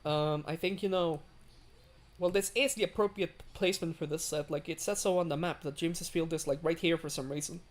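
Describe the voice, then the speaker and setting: Streamer rambling while building a train layout, lots of likes and you knows, reading chat out loud. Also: mid-range voice, steady tone, brisk. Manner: rambling, many fillers, reads chat aloud. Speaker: livestream host. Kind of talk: casual game livestream.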